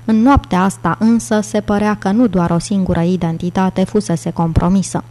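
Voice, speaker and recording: A woman narrates an audiobook in a steady, even storytelling manner. Her voice is mellow and warm, at an ordinary middle pitch.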